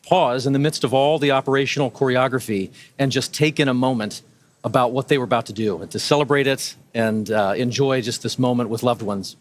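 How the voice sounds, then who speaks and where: Mid-pitched man co-hosting space commentary. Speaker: launch webcast co-host.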